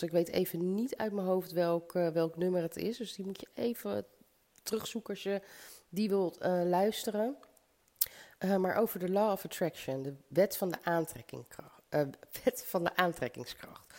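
This podcast host has a fairly low, slightly mellow voice and a stuffy nose from a mild cold. Her monologue is self-help and motivational, spoken encouragingly right to the listener.

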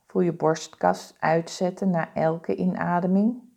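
Slow calm woman doing a body scan meditation, lowish soft-edged mellow voice, lots of pauses. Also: gravelly. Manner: slow, calm, soothing, deliberate instructions with pauses. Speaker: guided meditation instructor.

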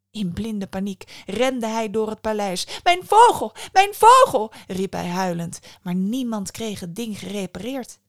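Calm woman reading a fairy tale. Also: medium pitch, gravelly, no room sound, clean studio sound. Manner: calm, measured storytelling. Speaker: podcast host and storyteller.

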